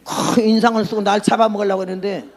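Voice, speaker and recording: A woman's voice: medium pitch, flat delivery, fast talker, darkish tone, slight background noise. A woman in her eighties, a missionary, giving a blunt and emphatic testimony sermon. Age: 80s.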